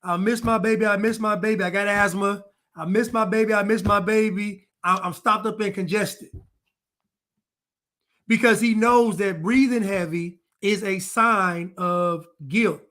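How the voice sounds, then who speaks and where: A high-voiced man with a steady, slightly bright tone and measured pace does true crime commentary for his viewers. Breaking down a clip, he speaks emphatically and keeps repeating pointed rhetorical questions.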